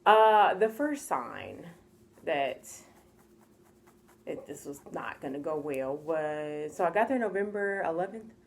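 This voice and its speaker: A vlogger from the United States tells a casual storytime in a deep, animated, slow woman's voice. She's chatty and full of "like" fillers, and she acts out the voices she quotes.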